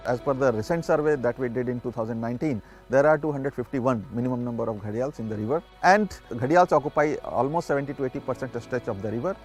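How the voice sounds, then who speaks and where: A man with an Indian accent speaking haltingly as a conservationist in a documentary interview. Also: medium pitch, faint music behind. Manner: halting, hesitant delivery.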